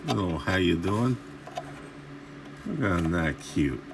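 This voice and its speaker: A man with a low-sitting voice talks slowly, his pitch swinging widely, over a noisy background. As host of a radio repair video, he rambles casually while inspecting equipment, thinking aloud in informal, salty language.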